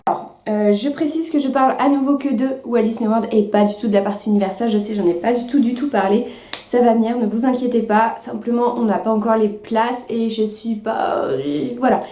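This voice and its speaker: Young woman rambling casually to camera, kinda high mellow voice, echoey room. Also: fairly even intonation, brisk. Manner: chatty, many fillers and self-corrections. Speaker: vlogger.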